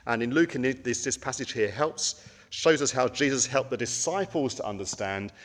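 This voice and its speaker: A man preaching a conversational sermon, often pausing on ums and asking the listeners rhetorical questions. His voice sits in a middle pitch, and the recording carries a long reverberant tail, as in a hall. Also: expressive.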